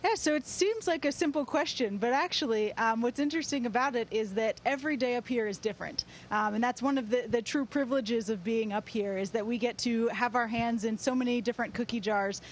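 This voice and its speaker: A woman with a slightly high voice explains things in a measured interview style, as an astronaut would. A faint rumbling noise sits behind her voice. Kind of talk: interview answers over a space-to-ground link. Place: aboard a space station. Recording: steady rumbling background noise on link.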